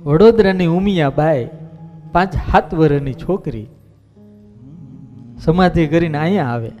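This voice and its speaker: A male monk giving a devotional storytelling sermon, lively and folksy, acting out the characters' voices. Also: mid-range voice. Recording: dull lo-fi recording.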